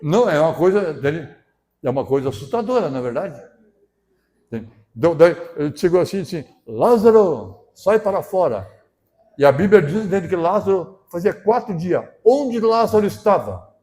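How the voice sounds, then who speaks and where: A male pastor delivering a sermon. He talks in a conversational way, keeps checking in with the congregation, and swells into loud, emphatic bursts. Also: high voice, animated, normal speed. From southern Brazil.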